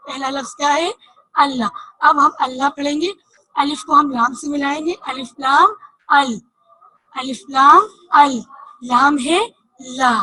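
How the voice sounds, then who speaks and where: Bright, high-voiced woman teaching children. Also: no echo, low-quality recording. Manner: spells letters slowly, asks and answers own questions. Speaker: Urdu teacher. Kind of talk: online reading lesson for children.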